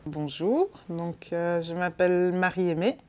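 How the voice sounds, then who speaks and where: A woman in her late twenties, born in Rwanda, speaking hesitantly and reflectively with many pauses in an interview. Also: on the low side, dark tone. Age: 20s. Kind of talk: testimony.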